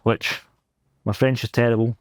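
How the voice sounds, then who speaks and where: On a convention floor, a young pentest engineer from Scotland gives an interview in a Glaswegian accent, rambling, laughing frequently and running himself down in a casual chat. His medium-pitched voice barely moves in pitch and keeps a moderate pace, and the recording is dry.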